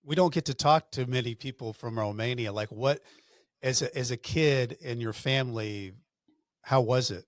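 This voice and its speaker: This podcast host speaks in a mid-range voice at a normal speed, recorded cleanly in a studio with no echo. He talks in a loose, conversational way, with fillers and restarts. The show is an interview podcast with a sponsor read.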